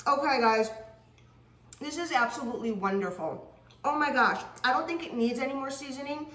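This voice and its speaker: A woman's voice: fairly high pitch, a bit bright. A woman hosting a cooking video, gushing with frequent exclamations and laughs as she demonstrates a recipe. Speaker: cooking show host. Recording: echoey room from a distance.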